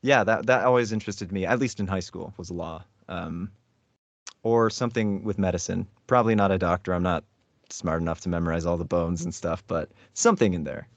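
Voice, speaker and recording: A man speaking as a voice actor guest in a relaxed, self-deprecating interview chat. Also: low voice, a little fast, dry recording. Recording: dull lo-fi dry sound.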